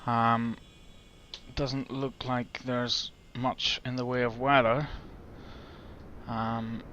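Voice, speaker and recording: A man talks slowly and evenly through a flight simulator session, chatty and thinking aloud. His tone is bright and forceful but stays flat in pitch. The recording is a little dull, with faint noise behind him. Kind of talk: casual commentary while gaming.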